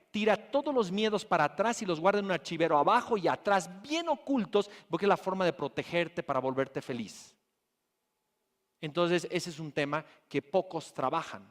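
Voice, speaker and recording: In a conference hall, a man from Bolivia gives a motivational business keynote. His pitch is high and his pace normal, and he keeps the audience engaged with lively stories and rhetorical questions.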